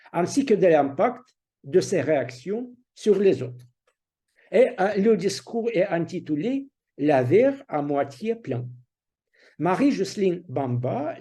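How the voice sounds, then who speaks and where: Mellow, high-voiced man introducing speakers. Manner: formal, hesitant with pauses. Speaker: host of a speaking club meeting.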